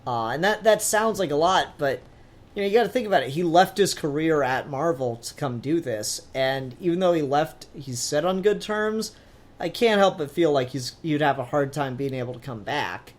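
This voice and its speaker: This is a casual comic book conversation led by a podcast host who rambles informally and swears mildly. The voice is mid-range and expressive, at a moderate pace.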